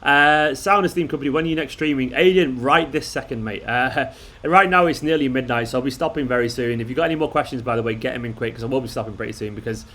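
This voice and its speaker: A man's voice: mid-range voice, fast, hardly any pauses. Chatty man live-streaming late at night. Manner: excitable, chatty, jokey banter with viewers. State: tired. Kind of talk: casual live-stream chat reading viewer comments.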